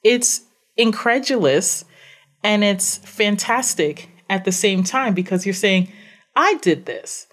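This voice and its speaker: A woman guest on a podcast, telling her story in an animated, emphatic way, repeating phrases for effect. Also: medium pitch, takes it slowly. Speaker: podcast guest, business owner.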